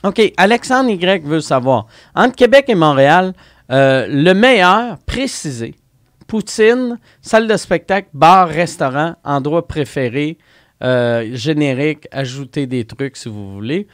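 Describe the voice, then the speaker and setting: A man's voice: fairly high pitch, expressive, a little slow, no echo, studio quality. A man with a Québécois French accent hosting a podcast, joking and reading out listener questions in casual chat. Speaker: podcast host.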